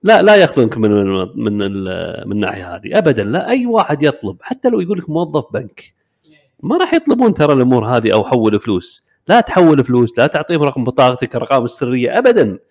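A man's voice: medium pitch, racing. A young man with a Kuwaiti Arabic accent, co-hosting a casual podcast chat and acting out the voices in the stories he tells. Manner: animated storyteller, acts out voices in quoted dialogue. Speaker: podcast co-host.

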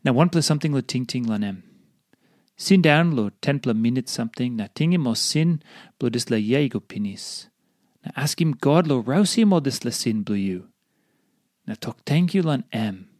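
A man's voice: mid-range voice, lively intonation, normal speed, darkish tone, no room sound, studio quality. A man reads a devotional in Pidgin, addressing listeners directly like a preacher. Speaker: devotional reader. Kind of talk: devotional reading in Papua New Guinea Pidgin (Tok Pisin).

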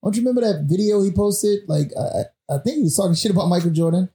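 A man's voice: high-pitched, lively intonation, fast, dark tone. A man in his thirties, talking laid-back in a casual chat as a co-host and trailing off with fillers. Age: 30s.

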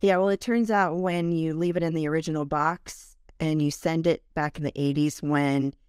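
A woman's voice: sits low, fairly even intonation, moderate pace, a little mellow, clean tone, dry recording, studio quality. A mature woman co-hosting a podcast in a conversational, prepared introductory style. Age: middle-aged or older. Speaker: podcast host and benefits compliance professional.

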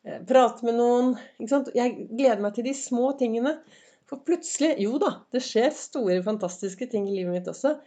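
A woman hosting a podcast in a chatty, encouraging motivational monologue, her voice slightly hoarse and her throat often cleared, with many fillers. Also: a little high, warm tone. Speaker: podcast host. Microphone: semi-pro recording setup.

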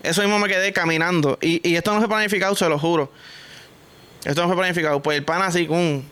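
Hosting a vlog, a man with a Puerto Rican Spanish accent delivers a crude, joking rant packed with slang in a casual comic monologue. His voice is high, bright, and forceful, with fairly even intonation and a quick pace.

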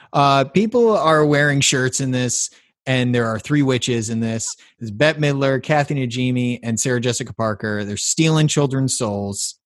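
This is a man co-hosting a podcast, joking his way through a film recap in a relaxed movie-review conversation. He has a mid-range voice and a measured delivery. The studio sound is clean, with no room sound.

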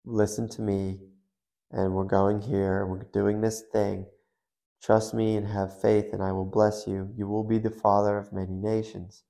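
A man voicing God as a calm, solemn, commanding presence. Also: on the low side, unhurried, gravelly. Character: commanding divine male voice of God.

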